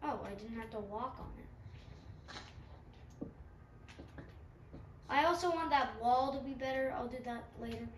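A woman's voice: high voice, unhurried, long pauses. A woman with a stuffy nose giving rambling, self-mocking commentary while playing a game. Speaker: gaming channel host. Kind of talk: let's-play commentary. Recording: roomy, distant mic, faint background hum.

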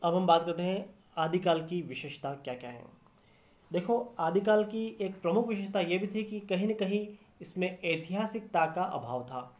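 A man's voice: high voice, expressive, moderate pace, a little mellow. A man teaching Hindi literature in a lecture, explaining step by step and repeating key phrases. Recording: echoey room.

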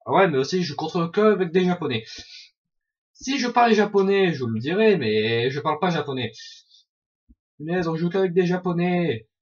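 An excitable man narrates his online match, his high voice swinging wildly in pitch as he swears and shouts at opponents. The sound is a dull, lo-fi home recording. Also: moderate pace. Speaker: gaming video host. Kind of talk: Let's Play commentary.

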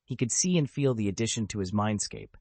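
A man narrating an audiobook with a steady, literal reading of the text. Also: lowish voice, fairly quick, creaky, no echo. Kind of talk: scripted narration.

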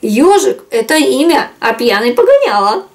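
A woman voicing a drunk, touchy male hedgehog who hiccups and drawls in a slow tipsy way. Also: sits high, very animated.

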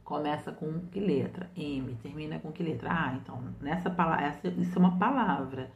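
A Brazilian woman who teaches literacy speaks in a low, brisk voice, giving a didactic explanation patiently and step by step while often repeating her points. The recording sounds roomy and muffled, as if made at home.

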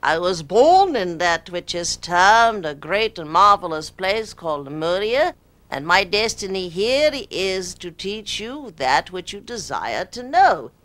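A woman voicing an ancient male spirit with a put-on British accent, speaking in slow, solemn, archaic phrases. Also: lowish voice, big pitch swings, a bit bright. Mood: grandiose. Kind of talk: channeling performance.

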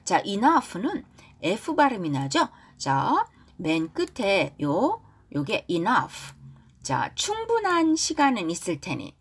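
A woman's voice: mid-range voice, wildly swooping pitch. Woman teaching English pronunciation. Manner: reads lyrics slowly and clearly, then explains briskly. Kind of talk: song-lyric pronunciation lesson.

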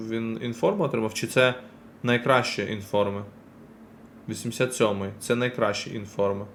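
Male streamer, casual pack-opening chatter, talks to chat, mid pitch, faint hiss behind. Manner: chatty, addresses chat directly, quick reactions. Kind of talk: casual live-stream commentary while opening packs.

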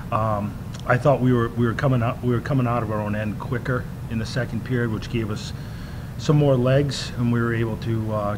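A middle-aged man, a head hockey coach, answering questions at a postgame press conference at a table mic, measured and full of fillers. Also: fairly low pitch, background noise. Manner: measured, many fillers and restarts. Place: press room in front of a logo backdrop.

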